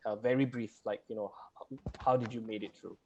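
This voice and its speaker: Speaking briskly with a dark, steady tone at fairly low pitch, this man hosts an online townhall for students. The muffled video call carries slight background noise, and he rambles, laughs often and uses many fillers.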